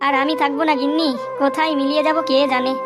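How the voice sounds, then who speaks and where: A woman's voice: sits high, flat delivery, rapid-fire, over loud music, natural voice. A woman voicing a downcast, joking poor male hawker in a cartoon, speaking wearily. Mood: weary. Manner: weary, sighing, repeats 'বুঝলে'. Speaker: cartoon voice actor.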